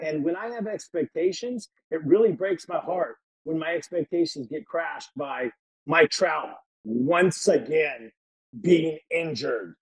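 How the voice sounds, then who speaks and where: A slightly high-voiced man rants with exasperation on a sports podcast, stumbling through restarts. His voice is husky, and the sound is dry and close. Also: a little mellow, no room sound, rough recording. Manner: exasperated ranting, halting restarts. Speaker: podcast panelist. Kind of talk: casual sports podcast rant.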